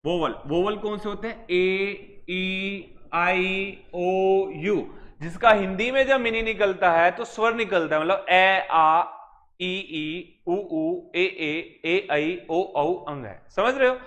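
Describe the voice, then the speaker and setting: A man's voice: high-pitched, slow pace, a bit bright. A man teaching a class in a coaching center, asking and answering his own questions as he explains. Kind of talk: classroom lecture. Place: classroom with students.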